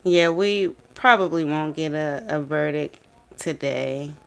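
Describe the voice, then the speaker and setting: A woman's voice: sits low, slow, vocal fry. A woman hosting a livestream, gossiping and giving opinions while commenting on a trial. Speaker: livestream host.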